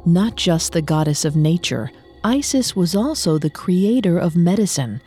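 A woman hosting and narrating from a script in a measured storytelling delivery. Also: on the low side, expressive, mellow, husky, soft background music. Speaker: host and narrator.

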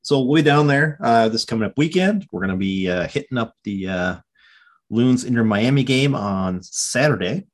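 A man's voice: mid-range voice, animated, normal speed. An American man hosting a casual sports fan podcast, chatting informally. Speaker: podcast host.

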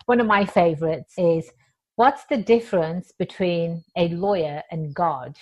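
A woman's voice: fairly low pitch, measured pace, a little mellow. A woman hosting a podcast interview in a bubbly, jokey manner. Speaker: podcast host and attorney.

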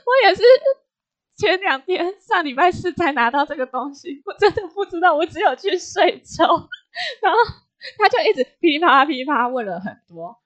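A young woman with a high, very lively voice recounts a work mishap in casual chat. She laughs often and acts out the people in her story. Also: fairly quick. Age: young adult. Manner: animated storytelling with laughter and acted quotes.

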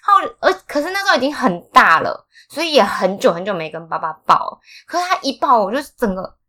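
A woman's voice: fairly high pitch, very animated, fast talker, sharp tone. A young woman with a Taiwanese Mandarin accent, co-hosting a podcast, telling a personal story with feeling and laughing as she goes. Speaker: podcast co-host. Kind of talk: casual chat.

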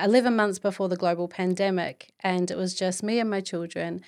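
A middle-aged woman with a Māori New Zealand accent, hosting a podcast as an earnest, encouraging motivational monologue. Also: fairly low pitch. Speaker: podcast host.

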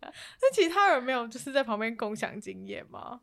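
A Taiwanese woman hosts a chat podcast in a high, bouncing voice. She laughs at her guest's story and chimes in with teasing questions. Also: sing-song, moderate pace, creaky, a bit bright. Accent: Taiwanese Mandarin. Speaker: podcast host. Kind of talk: casual chat.

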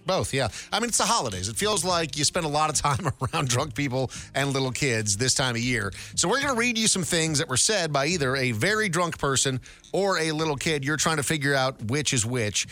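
A man's voice: fairly high pitch, lively intonation, fairly quick, bright, forceful tone, soft background music. A male radio host running a light call-in guessing game with upbeat, joking banter. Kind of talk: casual radio game segment.

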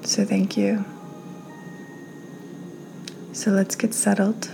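A woman who works as a podcast host and meditation guide leads a guided meditation in a soft, calm voice, slow and very even in pitch. Her tone is mellow and gentle, often near a breathy whisper, over soft background music.

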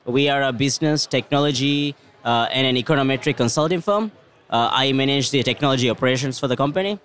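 A man who manages technology operations, answering interview questions in an earnest, steady way with fillers. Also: medium pitch, fast talker, clear, resonant tone.

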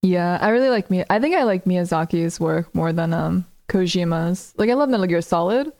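A woman's voice: lowish voice, moderate pace. Wry laid-back woman streamer guest. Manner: relaxed, wry, joking. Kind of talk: casual chat.

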